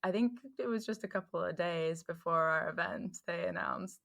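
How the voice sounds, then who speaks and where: A woman in her thirties opens and steers a casual podcast chat. Her voice sits a little low with a gravelly edge. She talks in a relaxed way, thinking aloud with plenty of fillers. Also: moderate pace. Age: 30s. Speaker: podcast host.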